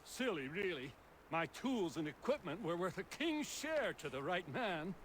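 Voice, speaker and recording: Courteous colonial craftsman, formal and grateful, slightly raised pitch. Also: very animated, a little slow, a bit bright, a little hiss or hum, heavily acted. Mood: polite. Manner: courteous, formal period speech. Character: polite grateful male colonial woodworker, adult. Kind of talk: video game dialogue.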